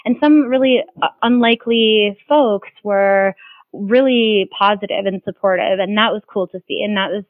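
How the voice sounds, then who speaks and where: A woman's voice: mid-range voice, no room sound. A woman climate activist giving casual, earnest interview answers, rambling a little with restarts. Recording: tinny phone-like line.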